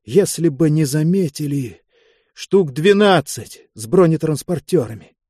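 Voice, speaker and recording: Panicked bodyguard major, breathless pleading shouts, high and loud, read by a male narrator; war audiobook. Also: animated, measured pace, breathy edge, no echo, studio quality. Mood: urgent.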